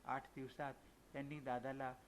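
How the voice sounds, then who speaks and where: A man's voice: medium pitch, level tone, moderate pace, a little hiss or hum, low-quality recording. A man narrating a devotional story in the first person, in an earnest, emotional way, sometimes stumbling and restarting. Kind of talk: dramatic storytelling.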